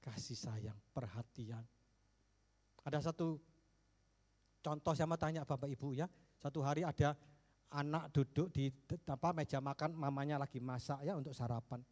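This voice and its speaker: A man preaching a sermon as pastor, jumping between emphatic bursts and hushed low asides, with jokes along the way. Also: fairly even intonation, moderate pace. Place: church sanctuary. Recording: echoey church hall.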